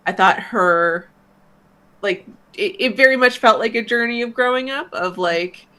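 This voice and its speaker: A woman's voice: fairly high pitch, measured pace, bright, forceful tone. A woman co-hosting a movie reaction, talking thoughtfully in a hesitant, casual way. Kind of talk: casual chat.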